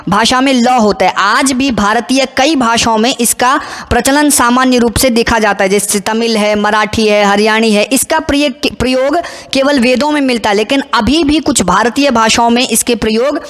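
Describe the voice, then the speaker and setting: A woman with a somewhat high-pitched voice teaches step by step, pausing to recite example phrases slowly and deliberately. Her voice carries a long reverb tail, as if recorded in a large hall. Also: a bit bright. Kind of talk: explanatory lesson on Sanskrit letters.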